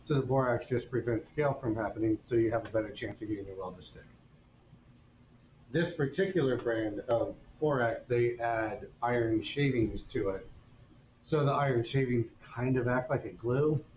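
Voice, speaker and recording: A man's voice: medium pitch, a little mellow. Blacksmith guy chatting thru a forge demo, folksy, echoey shop, bit of hiss. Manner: folksy, explains step by step. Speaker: blacksmith teaching on a stream. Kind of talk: casual live demonstration. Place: forge workshop.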